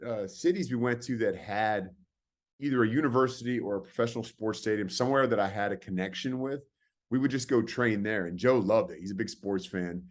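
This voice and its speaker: A man's voice: fairly low pitch, a little fast. A man in his forties from California, a podcast guest telling stories in a rambling, casual way with hesitant restarts. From California, USA. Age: 40s. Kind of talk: casual storytelling.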